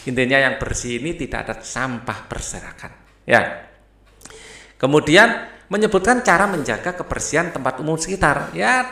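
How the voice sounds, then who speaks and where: A man's voice: medium pitch, creaky, a bit bright, roomy sound. A man, patiently walking young pupils through a textbook lesson, checking in with many "ya"s. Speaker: teacher. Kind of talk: explaining a primary school textbook.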